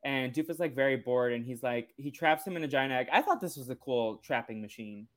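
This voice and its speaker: A man's voice: mid-range voice, brisk. Man rambling through a cartoon recap. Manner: rambling, loose storytelling. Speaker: podcast co-host. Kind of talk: casual podcast episode recap.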